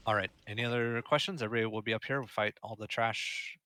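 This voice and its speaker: A man's voice: fairly low pitch, steady tone, quick pace, sharp tone, clean tone, dry recording. Man leading a raid over group voice chat. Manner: directive, explaining tactics with frequent fillers. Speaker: raid leader.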